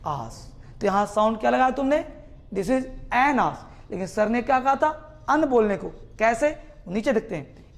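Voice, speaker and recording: A man with an Indian accent teaching English. He explains patiently in a classroom style, repeats phrases and talks to his students as if they were children. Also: extremely high pitch.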